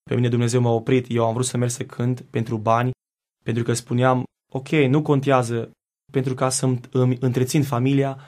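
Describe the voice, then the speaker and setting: A man, a singer and guest, giving an earnest, reflective faith testimony in a studio interview, pausing and restarting as he recalls. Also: medium pitch, vocal fry, a little mellow.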